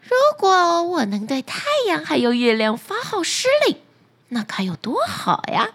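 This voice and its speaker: Woman putting on a shrill greedy wife. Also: big pitch swings, measured pace, vocal fry, fairly bright tone, heavily acted. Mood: dreamy. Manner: demanding, imperious. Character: greedy shrill fisherman's wife who wants to rule all.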